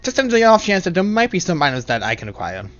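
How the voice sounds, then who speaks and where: This English streamer's voice is high, very animated and fairly bright, and he talks fast. He rambles playfully to himself over live gameplay, giggling as he goes. The recording is muffled.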